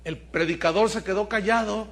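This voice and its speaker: A man's voice: sits high, moderate pace. A middle-aged man with a Mexican accent, preaching a sermon as pastor and telling stories in the voices of the people in them. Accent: Mexican Spanish. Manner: storytelling, acts out the people in his anecdotes. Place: church congregation.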